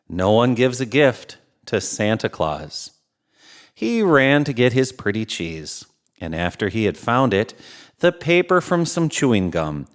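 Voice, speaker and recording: A man playing a jolly, kindly old Santa Claus who reads to young children in an eager, emphatic storybook manner. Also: mid-range voice. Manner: exclaiming, chuckling, drawn-out emphatic phrasing. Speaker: host of a children's read-aloud show.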